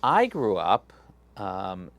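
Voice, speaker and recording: In a casual interview, a middle-aged Texas rabbi from Galveston speaks extremely slowly in a low, slightly bright voice that swings hugely in pitch. He chats in a friendly, loose way, often using fillers and starting over.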